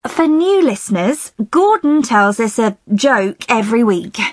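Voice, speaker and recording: Bright woman hosting a podcast. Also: on the high side, very animated, a little slow, no echo, clean studio sound. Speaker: podcast host. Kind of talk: scripted podcast dialogue.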